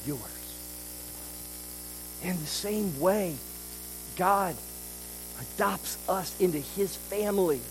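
Pastor, male, high voice; punchy sermon delivery with rhetorical questions and sharp drops to quiet intensity. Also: slow, long pauses, slight background noise, low-quality recording. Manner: swings between loud emphasis and quiet intensity, with rhetorical questions.

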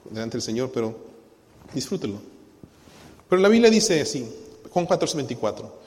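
Mexican preacher in a reverberant church hall. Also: male voice, medium pitch, sing-song, moderate pace, darkish tone. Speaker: pastor. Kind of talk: sermon.

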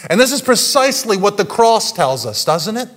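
A male pastor giving a sermon, telling stories with animation and swinging between loud and hushed delivery. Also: high-pitched, very animated, moderate pace.

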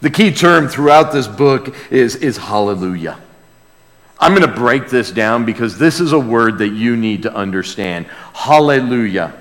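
The long reverb of a hall surrounds a man's animated, mid-range, slightly bright voice at normal speed. He is preaching an expository sermon with emphasis, returning to key words and asking rhetorical questions.

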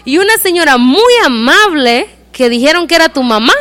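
Woman doing excited kids, high voice, lively, chattering. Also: moderate pace, long reverb tail. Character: cheerful group of schoolchildren.

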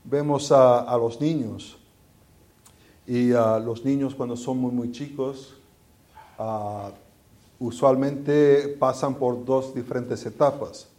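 Un predicador que da un sermón en tono conversacional, con preguntas retóricas y frases que a menudo vuelve a empezar. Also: male voice, mid-range voice, fairly even intonation, takes it slowly, a little mellow. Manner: conversational, rhetorical questions, frequent restarts. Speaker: preacher. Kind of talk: sermon.

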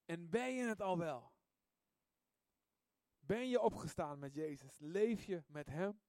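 Male preacher giving a testimony sermon, impassioned, loud one moment and hushed the next, in a dry, close sound. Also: high-pitched, expressive, slow pace, no echo. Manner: impassioned, swinging from loud outcries to hushed confession.

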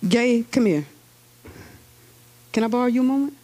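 A woman's voice: a little high, moderate pace, mellow. A woman preaching a sermon to a church congregation, leading them in call-and-response chants and using hands-on examples. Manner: demonstrative, uses hands-on examples.

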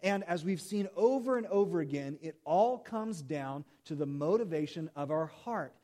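A middle-aged man preaches a sermon from a church pulpit, his voice pitched notably high. He keeps it relaxed and chatty, tossing questions out to the congregation and joking along the way. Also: moderate pace. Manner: conversational, jokey, asks the congregation questions. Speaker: pastor. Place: church sanctuary.

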